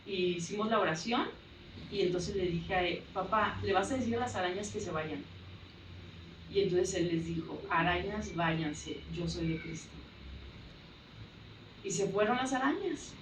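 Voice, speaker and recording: A woman's voice: fairly low pitch, a little slow, pauses often, background noise. Middle-aged woman, roomy and distant. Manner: storytelling that acts out the dialogue. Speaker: church member giving testimony. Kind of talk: personal faith testimony. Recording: roomy sound from a distant mic.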